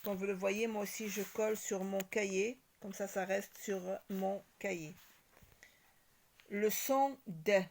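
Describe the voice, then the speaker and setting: A woman teacher slowly reading syllables and words aloud for young children, articulating each one carefully. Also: mid-range voice, a little mellow, slight background noise.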